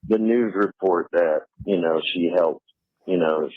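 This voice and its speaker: A middle-aged man talking to his son on a prison phone call, halting and full of "you know". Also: sits low, dry recording. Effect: prison phone call line. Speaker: father on a jail call. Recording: tinny phone line, dry.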